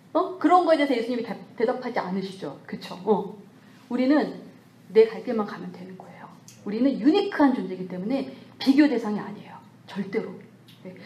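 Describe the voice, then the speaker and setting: A woman speaks to a church audience in a lively, teaching manner, her voice sitting fairly high. She acts out short scolding and comforting voices as she goes. The sound rings in an echoey church hall. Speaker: church lecturer.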